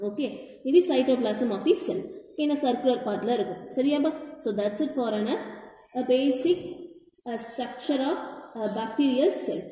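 Female teacher, South Indian Tamil accent, didactic and repetitive, rapid delivery, echoey reverberant room. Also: high-pitched, mellow. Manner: didactic, repetitive, asks and answers own questions. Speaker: biology teacher. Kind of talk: school lesson mixing two languages.

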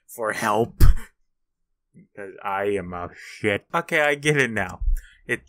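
Casting: excitable male gamer commentator, sweary, slower-paced, very animated pitch. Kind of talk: casual gameplay commentary.

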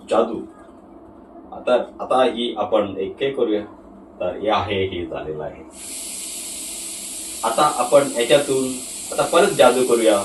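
A man's voice: lowish voice, a little mellow. A man with a Marathi accent presenting magic tricks like a kids party magician, explaining each step simply to the viewers. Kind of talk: magic trick demonstration to camera. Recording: roomy echo, distant mic, faint noise.

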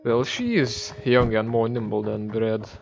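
A man's voice: fairly low pitch, unhurried, vocal fry. A man giving let's play commentary, wry and talking to himself as he plays. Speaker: gamer. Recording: dull lo-fi recording. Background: faint game music.

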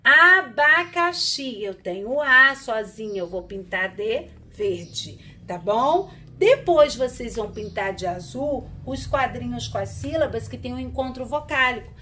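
A woman teacher speaks slowly to small children, breaking each word into syllables. Her voice is bright and a little high, and she keeps checking in with gentle "tá?" and "né?" tags. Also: expressive, a little hiss or hum. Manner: slow, syllable-by-syllable sounding out of words; patient, coaxing with frequent "tá?" and "né?". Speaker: primary school teacher. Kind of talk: online literacy lesson for young children.

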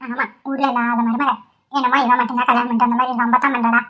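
A woman plays a nosy older mother in a cartoon, needling her son with sarcasm. She talks fast in a high voice. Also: level tone, pushed and bright. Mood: nagging. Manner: nagging, sarcastic. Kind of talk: Tamil cartoon voice acting.

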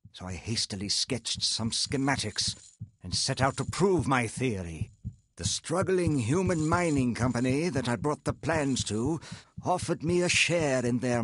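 A man's voice: mid-range voice, a bit bright, slightly rough, dry recording. Man playing a proud, regretful inventor, closely recorded. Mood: earnest. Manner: measured, earnest storytelling with formal wording. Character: wealthy self-made male inventor, proud, regretful, haunted. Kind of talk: reading video game dialogue aloud. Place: indoor home streaming setup, close and dry.

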